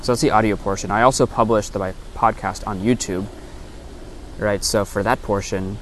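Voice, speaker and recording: A man with a fairly low voice talks casually as a solo podcast host. He explains things step by step, rambling a little and correcting himself. It is recorded on a lapel mic out in an open park field, with clear outdoor noise behind him. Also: steady tone, moderate pace, a bit bright. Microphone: lapel lavalier into a phone.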